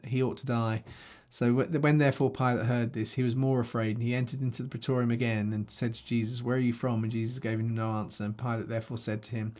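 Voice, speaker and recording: A man's voice: mid-range voice, level tone, quick pace, few pauses, a little mellow. A man reading scripture aloud and teaching on it in a conversational way, thinking aloud with restarts, recording himself to a video camera. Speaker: Bible teacher. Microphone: self-recorded to a video camera.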